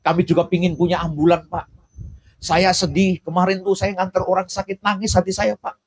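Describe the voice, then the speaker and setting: A man preaching a sermon, telling stories with passion as his voice swings low to high. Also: flat delivery, fairly quick, breathy edge. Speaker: pastor.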